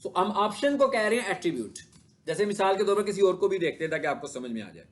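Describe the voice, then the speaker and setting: A man's voice: sits high, sing-song, quick pace. A man teaches a class while showing his screen. He keeps asking his students questions and answers them himself. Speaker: digital marketing instructor. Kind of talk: classroom lecture with screen demo.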